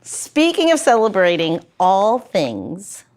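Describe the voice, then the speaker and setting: A podcast host, a woman, drifts between playful banter and loosely scripted segments, chatty and quick to chuckle. Her voice is medium-pitched and darkish, slow, with a wildly swooping pitch.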